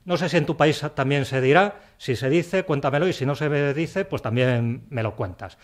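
A man from Spain with a Spanish accent, hosting a scripted language lesson, spelling words out slowly and dropping in playful, theatrical sighs. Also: medium pitch. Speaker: language teacher and channel host. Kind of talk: scripted explanatory video lesson.

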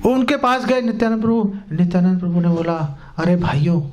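A man, a spiritual teacher, telling a sermon story to a live audience, animated and joking with his listeners. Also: sits high, a little fast, a little hiss or hum.

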